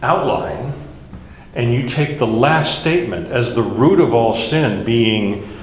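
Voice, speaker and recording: Slow, lively man teaching scripture. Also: medium pitch, slight background noise. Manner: explains verse by verse, conversational. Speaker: Bible teacher. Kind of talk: Bible study teaching. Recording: echoey hall with faint ambience.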